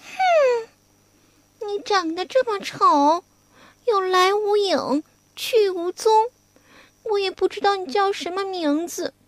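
A woman voicing a trickster posing as a young bride, speaking in a soft, coy, whiny pout. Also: very high-pitched, slow pace, pauses often, no room sound, pitched above the performer's own voice.

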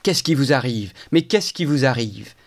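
A man reading aloud, voicing a frightened young woman who talks softly and hesitantly. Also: mid-range voice, lively intonation, normal speed, vocal fry, no echo, clean studio sound, pitched above the performer's own voice. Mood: alarmed. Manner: soft, hesitant, alarmed.

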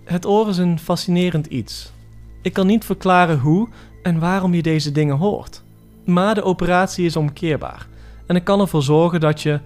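A man voicing a curious, friendly male doctor in a narrated horror story, calm and matter-of-fact. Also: high-pitched, moderate pace, faint music behind, close to an everyday voice.

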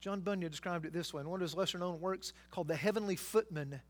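High-voiced preacher delivering a fervent sermon. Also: male voice, fast. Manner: emphatic, building to loud exhortations with rhetorical questions. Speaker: pastor.

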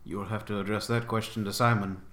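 A man's voice: lowish voice, little pitch movement, fairly quick, fairly bright tone. A man taking part in a tabletop role-playing game, talking casually and in character. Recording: echoey room with faint noise.

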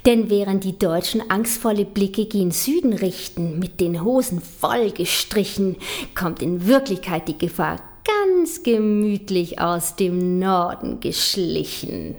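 Speaking slowly in an animated, mid-range voice with a darkish tone, a Danish-accented woman performs slam poetry. She rhymes rhythmically with ironic, mocking stress and whispers the secret lines.

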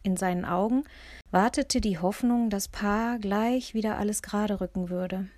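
A woman reading a first-person audiobook in a measured, tense storytelling manner. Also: medium pitch, a little mellow, no echo. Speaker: audiobook narrator. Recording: dry close-miked studio.

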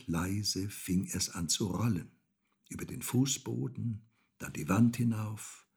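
A man reading a children's story aloud, slow and expressive. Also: on the low side, gravelly, husky.

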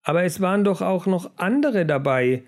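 A man voicing a timid, slow-witted male mouse who answers in a whiny, pleading voice. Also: sits high, animated, pitched above the performer's own voice. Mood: whiny, defensive.

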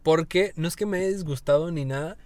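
Young Mexican male podcast co-host, slightly high voice, loose and profane banter. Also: brisk, a little mellow, dry recording. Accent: Mexican Spanish. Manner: loose, joking, swears freely. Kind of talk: casual chat.

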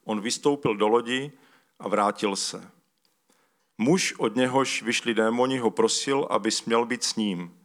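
Speaking at a medium pitch with a fairly bright tone, a man gives an easygoing sermon. Mid-talk he asks for slides and reads scripture aloud, his delivery conversational and sprinkled with fillers and restarts.

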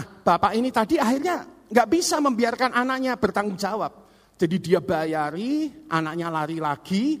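A male pastor preaches in a high, emphatic voice, now and then searching for the right word. His voice rings out with a long reverb through the church hall. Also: fairly bright tone. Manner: storytelling, emphatic, searches for words. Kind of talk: sermon.

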